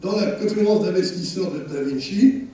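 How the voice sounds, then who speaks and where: A man's voice: sits high, normal speed, warm tone. An older man, a surgeon, talking loosely through a surgical video at an academic session, with many restarts and asides. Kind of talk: live commentary on surgical video in a lecture. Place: lecture hall. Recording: roomy hall, speaker far from mic.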